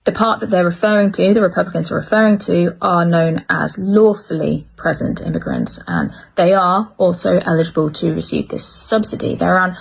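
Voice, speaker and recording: A woman commentator explaining the news in a measured, explanatory way. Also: lowish voice, lively intonation, creaky, a little hiss or hum, poor audio.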